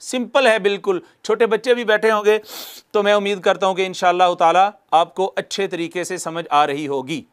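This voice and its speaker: A man teaching Quran recitation in a recorded lecture, asking himself questions and answering them, repeating letter sounds slowly to demonstrate them. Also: high voice, fairly even intonation, clear, resonant tone. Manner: drills by repeating and answering his own questions.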